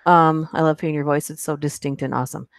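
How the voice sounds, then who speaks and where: Fast and creaky, with a low pitch and steady tone, this horror narration channel host chats casually with her live-stream viewers. She reads their comments and rambles with lots of fillers and giggles. The recording is dry and studio quality.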